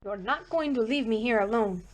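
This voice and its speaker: A woman's voice: a little high, normal speed, lightly acted. A thin, strained frightened wife, voiced by a woman reader. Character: tense frightened young wife on a road trip.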